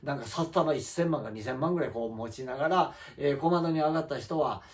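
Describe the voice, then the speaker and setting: A man's voice: medium pitch, a little fast. A man with a Kansai accent, a comedian hosting his own channel, ranting in a heated, indignant way with many fillers. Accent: Kansai Japanese. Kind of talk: solo vlog rant.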